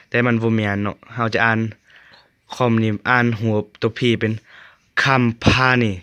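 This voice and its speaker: A young man with a Lao accent giving a casual video lesson on English pronunciation, repeating each word slowly to show how it is said. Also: on the low side, fairly bright tone, clean tone, no echo. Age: young adult.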